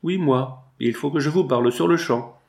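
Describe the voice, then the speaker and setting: A man's voice: medium pitch, moderate pace, gravelly, pitched above the performer's own voice, natural voice. A man voicing a resolute young woman who insists on being heard, in an audiobook. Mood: firm. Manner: firm, insistent.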